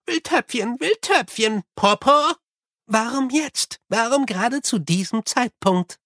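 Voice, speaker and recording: Abbot in a toddler's body for an audiobook, high, babbling child voice, dry close sound. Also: lively intonation, takes it slowly, a bit bright, no room sound, full character voice.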